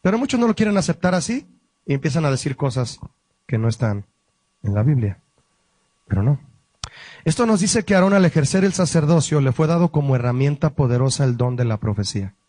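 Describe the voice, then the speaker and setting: A man, a pastor, teaching a Bible study lesson, explaining word meanings slowly and asking the listeners questions. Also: a little high, sing-song, mellow, dry recording.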